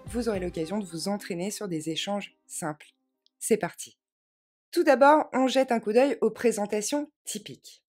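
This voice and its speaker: A French-speaking woman teaching English in a video lesson, modelling phrases slowly and clearly for learners to repeat. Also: lowish voice, a little mellow. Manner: clear, instructive delivery with drills.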